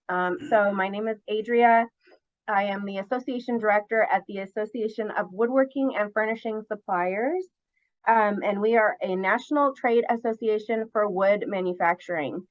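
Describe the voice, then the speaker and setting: A woman moderating a panel, her voice hoarse from illness, speaking with many fillers. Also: a little high, no room sound, dull audio. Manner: apologetic, filler-heavy.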